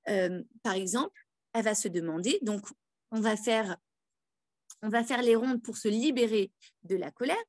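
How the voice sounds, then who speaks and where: A woman's voice: mid-range voice, moderate pace, pauses often, no room sound, clean studio sound. A woman leading a wellness lesson on emotional tapping, speaking in a coaching tone with many fillers and restarts. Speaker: EFT practitioner. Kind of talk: wellness workshop teaching.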